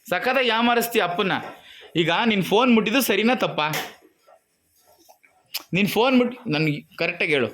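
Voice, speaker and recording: A woman's voice: medium pitch, lively intonation, fairly quick, long pauses, slight background noise. A woman filming at home on a phone, playfully scolding and questioning her small daughter over and over in a mock-stern, teasing way. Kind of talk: casual home video chat. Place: home, indoors.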